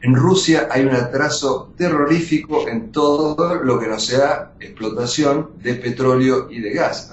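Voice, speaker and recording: An older man with an Argentine Spanish accent speaks in an emphatic, measured way, often pausing and restarting. His voice sits at a middle pitch. The recording is roomy and dull, with a faint rumble behind him. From born in Austria to Russian parents. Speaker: journalist, interview guest. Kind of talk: interview answers.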